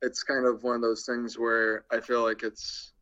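A young man as a podcast guest, deadpan with crude jokes and hesitant with many ums. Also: medium pitch, moderate pace, lo-fi sound. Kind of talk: casual interview chat.

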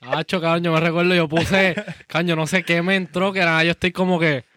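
A man, excitable and swearing constantly in casual chat. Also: fairly high pitch, a little fast, no room sound, studio quality.

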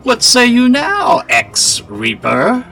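A man voicing a greedy, gleeful male ghoul at a card table, mocking and gloating in a shrill voice. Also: huge pitch swings, slow pace, creaky, bright, forceful tone, soft background music, full character voice.

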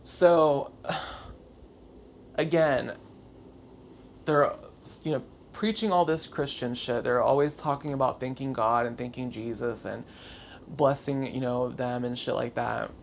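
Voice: medium pitch, takes it slowly, pauses often. A podcast host talking casually and solo with wired, chattery, over-caffeinated energy, swearing freely. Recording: clear background noise.

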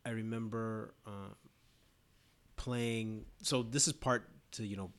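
A man's voice: fairly low pitch, slow. A man hosting a podcast, telling stories in a casual conversation and acting out quoted lines with laughter. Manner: animated storyteller, acts out quotes with laughter. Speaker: podcast host.

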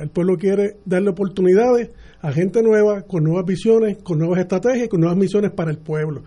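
Puerto rican guy on the radio, high voice but mellow, keeps stumbling and restarting. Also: breathy edge. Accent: Puerto Rican Spanish. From Puerto Rico. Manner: earnest, halting with many restarts. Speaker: mayoral candidate guest. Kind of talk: radio interview.

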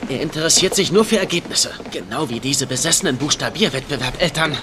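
A man's voice: fairly high pitch, expressive, quick pace, background noise, lightly acted. An actor playing a cheeky, defiant man in his thirties in a TV comedy-drama dub, flippant and argumentative.

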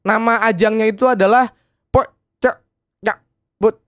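A man's voice: sits high, fairly even intonation, a little slow, no room sound, clean studio sound. A man hosting a radio prank call who fakes a glitchy, breaking-up phone line, chopping his words into clipped bits. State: faking a glitchy cutting-out call.

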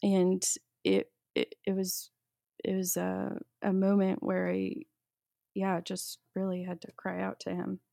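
A woman being interviewed, telling a personal story haltingly, with many restarts and fillers. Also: mid-range voice, vocal fry, mellow, dry recording, clean studio sound. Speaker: guest sharing a testimony.

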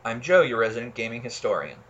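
A man's voice: mid-range voice, expressive, quick pace, fairly bright tone, lo-fi sound. An American man hosting a casual podcast as its gaming historian, full of joking, self-mocking banter.

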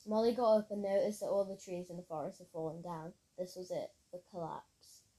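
A woman's voice: lowish voice, steady tone, brisk, dark tone, rough recording. A woman reading her own story aloud in a plain storytelling manner, with occasional slips. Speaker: narrator.

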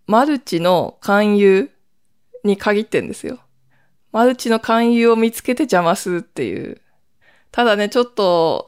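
Woman chatting on her solo podcast, clear smooth voice, wanders off on little tangents. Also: mid-range voice. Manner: chatty, rambling with frequent asides. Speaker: podcast host. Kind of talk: casual solo podcast chat.

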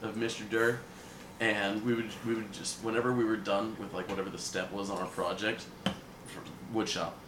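A man's voice: on the low side, level tone, moderate pace. A man, a comedian guest on a crude podcast, rambling through a story with lots of filler and laughter. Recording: echoey room with light hiss.

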